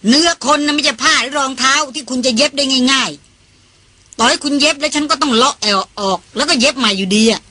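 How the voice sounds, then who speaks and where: A woman voicing a sharp-tongued, tense woman doctor in an audiobook, sarcastic and commanding. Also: sits high, fairly quick, pitched above the performer's own voice.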